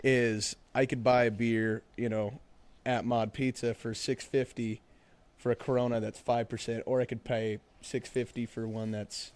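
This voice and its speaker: A man's voice: medium pitch, flat delivery, normal speed, a little mellow. A young man co-hosting a podcast in casual chat, rambling with lots of fillers and swearing. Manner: rambling, profane, full of fillers. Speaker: podcast co-host.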